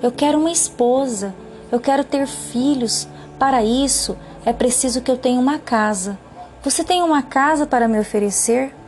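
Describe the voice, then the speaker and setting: A woman's voice: high-pitched, normal speed, a little mellow, soft background music, close to an everyday voice. A woman voicing a needy boy in a storybook who grows into a tired old man, speaking in a demanding, weary way.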